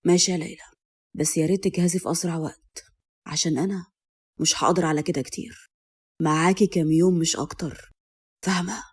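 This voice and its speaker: A woman voicing a calm, commanding young man with an Egyptian accent, speaking low and controlled in an audio story. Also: fast, long pauses, breathy edge. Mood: cold warning.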